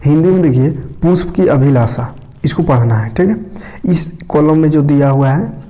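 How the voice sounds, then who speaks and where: A man's voice: fairly high pitch, lively intonation, normal speed, warm tone. A man from Jharkhand with a Jharkhand Hindi accent, teaching casually and often checking in with his listeners. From India. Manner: conversational, tag phrases like "okay" and "isn't it". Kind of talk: casual explanatory lesson.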